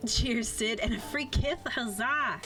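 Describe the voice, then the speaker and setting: Her voice is a little high and her pace slow, with music playing under it. A livestreamer, she banters casually and reads chat messages aloud in a playful, theatrical, sweary way full of slang.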